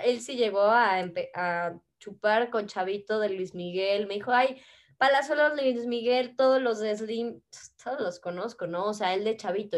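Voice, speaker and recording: A young woman with a Mexican accent, chatting casually and telling family anecdotes, acting out the voices of people she quotes. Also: mid-range voice. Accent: Mexican Spanish. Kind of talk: casual chat.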